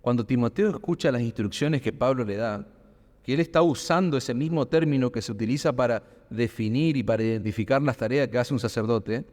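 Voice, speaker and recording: A man's voice: mid-range voice, a little fast, darkish tone. A man preaching a sermon, asking rhetorical questions and building emphasis. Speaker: pastor. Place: church hall. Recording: long hall reverb.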